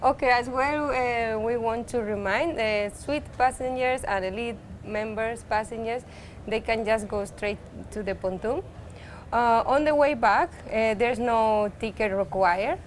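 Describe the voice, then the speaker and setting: A woman's voice: on the high side, a little slow, a little hiss or hum. A woman who speaks English as a second language, giving passengers practical information in an unscripted, conversational way. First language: not English.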